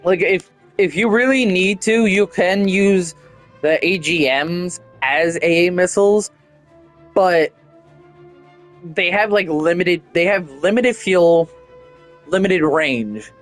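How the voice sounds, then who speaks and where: A man's voice: high voice, slow pace, long pauses, soft background music. Chatty young man narrating gameplay. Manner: rambling, chatty, restarts often. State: hiccups. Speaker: gameplay streamer. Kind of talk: casual gameplay commentary.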